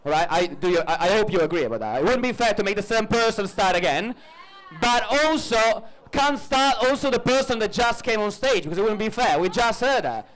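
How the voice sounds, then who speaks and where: A man's voice: high-pitched, expressive, brisk, fairly bright tone, low-quality recording. A man hosting a live stage event, chatty and playful, rambling through his explanations. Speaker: event host.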